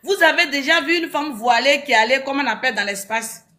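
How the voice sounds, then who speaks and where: A woman's voice: sits high, expressive, a little fast, sharp tone. A woman from Ivory Coast giving a heated, insistent opinion on a talk show, repeating her phrases.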